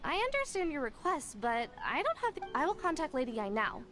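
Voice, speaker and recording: Young game shop attendant, high voice, animated, courteous, formal, music behind. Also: female voice, a little fast. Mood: polite, formal. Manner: formal, chirpy customer service. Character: polite, bright young female festival booth attendant. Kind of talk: video game character acting.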